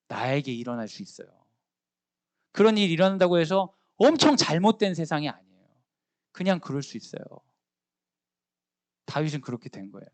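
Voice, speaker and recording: A man gives a school sermon in a slightly higher voice with very lively pitch. He retells the story with energy and turns to the listeners with questions. The recording is dry and close, with no room echo. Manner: lively storytelling, acting out the characters' lines; asks the listeners questions directly. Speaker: school chaplain.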